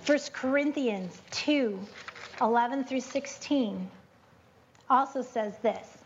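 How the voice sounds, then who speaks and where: A woman giving a chatty, animated devotional teaching, breaking into spoken prayers to God. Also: slow, slight background noise. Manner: chatty and animated, prays aloud with rising pitch. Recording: dull lo-fi recording.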